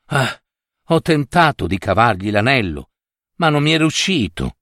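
A man's voice: medium pitch, very animated, measured pace, fairly bright tone, dry recording, studio quality. A man voicing the ogre's young daughter, a coaxing, cunning girl in a fairy tale reading. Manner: coaxing, persuasive.

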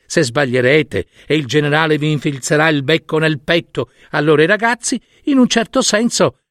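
A man's voice: fairly high pitch, moderate pace, fairly bright tone, no echo, studio quality. A man voicing a bossy mother stork in a storybook reading, drilling her chicks with counted beats. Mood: firm.

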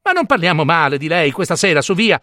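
A man's voice: fairly high pitch, big pitch swings, fast talker, bright, forceful tone, no echo, studio quality. A man voicing a vain old pen that gossips mockingly about the teapot.

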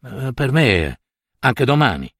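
A humble, pious workman addresses his master respectfully and hesitantly, as a male narrator voices him. His speech sits lower and softer than the master's, heard dry and close in a storybook reading. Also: big pitch swings, slow, no room sound, full character voice. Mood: deferential. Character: humble craftsman, deferential and pious.

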